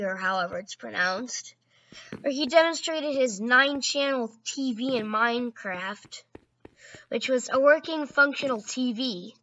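A woman's voice: fairly high pitch, sharp tone, highs cut off. A woman hosting a gaming video, narrating casually and often correcting herself mid-sentence.

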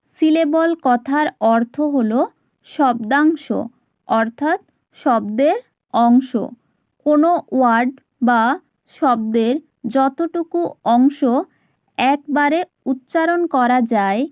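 A woman teaching a grammar lesson to her channel, explaining carefully and repeating each example word slowly. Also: high-pitched, darkish tone, dry recording.

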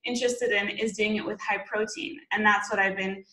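A woman's voice: mid-range voice, steady tone, fairly quick, sharp tone, echoey room, poor audio. A young woman from Canada, a podcast guest, talking fluently and eagerly about her work over a video call from a room at home. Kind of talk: casual interview talk.

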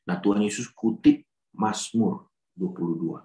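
A man's voice: fairly low pitch, measured pace, mellow. A man giving a conversational Bible teaching to a youth group, often asking rhetorical questions. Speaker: youth ministry speaker. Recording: roomy echo.

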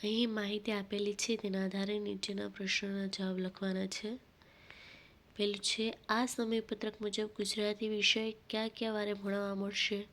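Flat-voiced Gujarati woman teacher. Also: medium pitch. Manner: steady, methodical, question-then-answer reading. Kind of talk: reading out worksheet answers.

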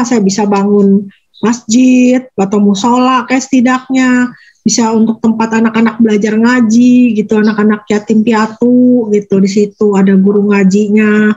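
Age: adult. Sex: woman. Role: interview guest. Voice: fairly high. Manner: rambling, halting, self-correcting. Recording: dull and lo-fi. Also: dark tone. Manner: rambling, halting, corrects herself mid-sentence. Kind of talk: casual conversational interview.

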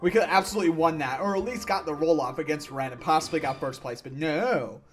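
A man's voice: fairly high pitch, quick pace, faint music behind. Ranting young male gamer, raised voice. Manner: frustrated ranting, yelling at the game. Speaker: gaming YouTuber. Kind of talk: gameplay commentary.

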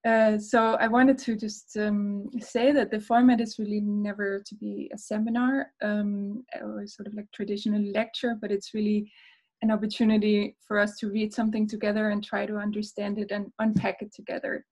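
Woman from Denmark, 30s, reading group host; narrow pitch, friendly and measured. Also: flat delivery, darkish tone. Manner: friendly, measured, with frequent ums and self-corrections. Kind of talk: welcoming introduction on a video call. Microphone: laptop mic on a video call.

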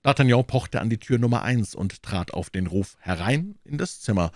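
Man reading a classic aloud, low voice. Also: lively intonation, moderate pace, no echo, studio quality. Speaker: audiobook reader. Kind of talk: audiobook narration.

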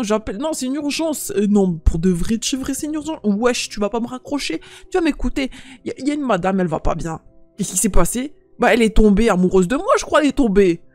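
A cocky young street guy jokes in thick slang and teases whoever is near, his voice pushed high. A woman acts him out in a game role-play. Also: darkish tone, no room sound, natural voice. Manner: slangy, teasing, repeats street interjections. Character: brash young male street guy, loud and joking.

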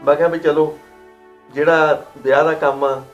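Guy playing a retired army son-in-law, pushy, wants answers, kinda high voice. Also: flat delivery, moderate pace, highs cut off, soft background music, close to an everyday voice. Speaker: actor in a family drama. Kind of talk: village family drama acting.

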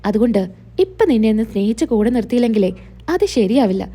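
A woman's voice: fairly high pitch, lively intonation, fast, dark tone. A woman voicing a scheming young husband who talks in a soothing, falsely sweet way. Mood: coaxing.

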